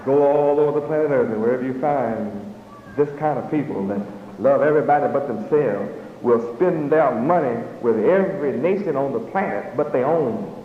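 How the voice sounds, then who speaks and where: A man preaching a fiery sermon to a gathered audience, pressing his points with rhetorical questions and bursts of shouting. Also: medium pitch, moderate pace, a crowd in the background. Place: hall with a live audience. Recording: echoey hall, dull lo-fi, noisy.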